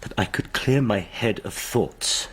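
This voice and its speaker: A man's voice: lowish voice, measured pace, husky, low-quality recording. An actor playing a weary, brooding King Arthur, shamed and betrayed, in a radio drama. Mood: weary, distracted.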